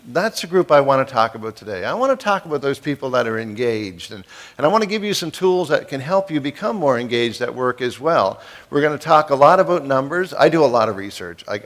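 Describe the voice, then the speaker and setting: A man in his fifties, from the East Coast, giving a folksy, joking keynote speech and asking the audience questions. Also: medium pitch. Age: 50s. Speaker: keynote speaker.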